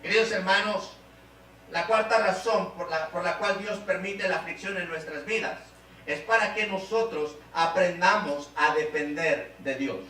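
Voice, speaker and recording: High bright-voiced Mexican preacher in an echoey hall. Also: male voice, measured pace. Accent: Mexican Spanish. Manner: preaching with big swings in pitch and loudness, dropping low and soft in prayer. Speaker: guest pastor. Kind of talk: sermon. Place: church hall. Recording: echoey church hall, voice from a distance, faint hum.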